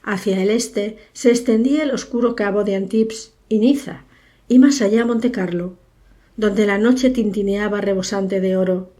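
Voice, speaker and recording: A woman reads a literary story aloud as an audiobook narrator, measured and unhurried. Her voice is dark and mellow, at a middle pitch for a woman.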